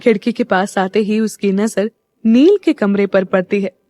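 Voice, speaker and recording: A woman narrating an audio story in a steady, even storytelling manner. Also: medium pitch, unhurried, no room sound.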